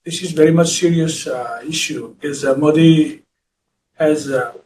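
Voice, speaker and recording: A man from Nepal asks a question from the audience at a public talk, pausing often with "uh". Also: fairly high pitch, a little mellow, slight background noise. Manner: halting, with frequent "uh" pauses. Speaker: audience member asking a question. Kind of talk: question from the floor. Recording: distant from the microphone.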